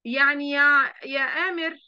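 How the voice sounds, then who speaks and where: A woman's voice: sits high, fairly even intonation, unhurried, dry recording. A woman with an Egyptian accent teaching an online primary class, coaxing the children with many questions. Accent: Egyptian Arabic. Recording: dull lo-fi online audio.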